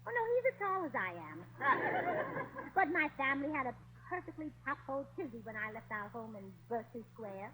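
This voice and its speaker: Muddled fake Englishwoman, chirpy, high voice, bouncing pitch, 1940s radio comedy. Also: big pitch swings, moderate pace, a bit bright, slight background noise, rough recording. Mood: giddy. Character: scatterbrained American wife faking a posh Englishwoman.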